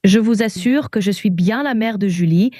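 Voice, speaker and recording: Calm, polite synthetic female AI voice. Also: medium pitch, normal speed, dry recording, clean studio sound. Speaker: virtual assistant. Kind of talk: AI role-play.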